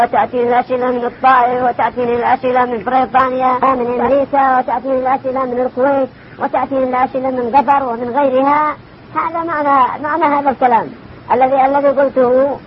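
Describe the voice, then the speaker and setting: A man's voice: very high voice, dull audio, a little hiss or hum. A religious scholar answering a question, repeating phrases as he lists examples, heard from an old worn cassette tape.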